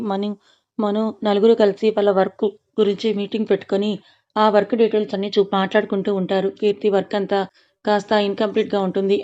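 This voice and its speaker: A woman's voice: medium pitch, dark tone, highs cut off. A woman telling a serialized story, reading the characters' lines inside her narration. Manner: reads dialogue inside plain narration.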